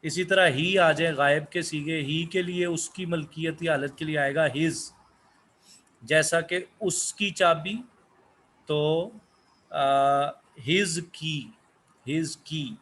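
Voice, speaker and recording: A man whose first language is Urdu, giving a slow English lesson, asking questions and answering them himself. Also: on the high side, a bit bright, slight background noise. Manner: asks questions then answers them, repeats words. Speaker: English teacher.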